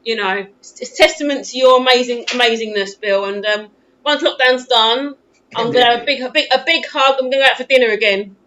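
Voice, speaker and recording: A woman's voice: on the high side, a little fast, a bit bright, low-quality recording. A woman co-hosting a casual chat, effusive and affectionate in how she speaks. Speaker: co-host from a football club. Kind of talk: casual heartfelt tribute chat.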